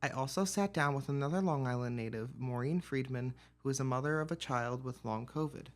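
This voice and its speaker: A male news reporter delivers a scripted report. His voice sits at an ordinary middle pitch and follows the formal style of news narration. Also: fairly quick.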